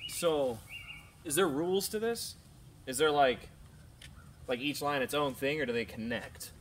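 A man in casual chat, slowly sounding out words aloud, laughing often and cursing when he gets stuck. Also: fairly high pitch. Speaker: challenge participant. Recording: noisy background.

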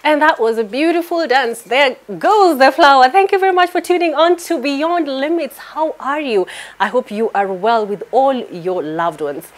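A woman from Kenya hosting a studio television interview, asking questions in an expressive, lively way. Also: high-pitched, moderate pace. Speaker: talk show host. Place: TV studio set.

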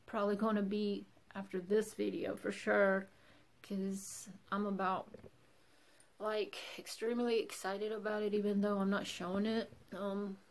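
A woman's voice: medium pitch, little pitch movement, a little slow. A woman vlogger talking casually in a subdued morning voice, teary and emotional. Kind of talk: casual vlog talk.

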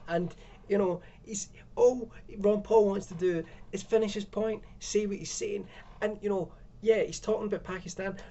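This young man's voice sits high yet sounds dark, holding a steady tone at a moderate pace. He's a video commentator ranting sarcastically and with exasperation into a webcam in a room at home.

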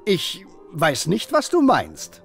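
A man's voice: high voice, huge pitch swings, slow pace, creaky, faint music behind, full character voice. A man voicing a courteous, nervous, gloomy ogre in a video game, speaking politely and theatrically.

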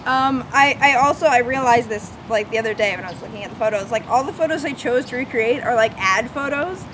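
A woman's voice: a little high, a little fast, noisy background. A young woman from Long Island, chatting and joking at herself through a casual vlog in a theme park. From Long Island, New York. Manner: chatty and self-mocking, many fillers. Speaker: vlogger host. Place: outdoor theme park streets. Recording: loud crowd and music behind.

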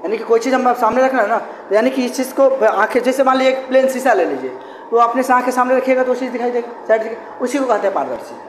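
A man's voice: very high-pitched, lively intonation, fast. A man teaching a science lesson in casual talk, who keeps asking questions and answering them himself, repeating each term. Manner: repetitive and drilling. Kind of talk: casual classroom explanation. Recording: echoey room with long reverb and faint hum.

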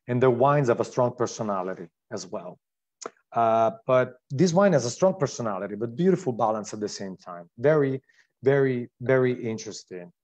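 Hosting a wine tasting online, this Italian man talks through each bottle with enthusiasm, often using fillers and starting sentences over. His accented voice is mid-pitched and darkish, coming through dull, lo-fi stream audio.

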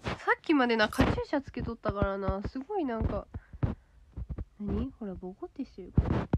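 Chatty Kansai woman, slightly high voice. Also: expressive, moderate pace, long pauses, very noisy. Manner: chatty, reads comments aloud, drops to a soft whisper at times. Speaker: idol livestreamer reading viewer comments. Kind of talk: casual livestream chat.

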